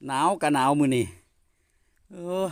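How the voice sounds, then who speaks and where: A man's voice: a little slow, no echo, studio quality. A man with a northeastern Thai Isan accent, hosting a casual outdoor vlog in rural fields and chatting to his viewers. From northeastern Thailand. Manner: chatty, addresses viewers often, peppers talk with tag particles. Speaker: vlogger host.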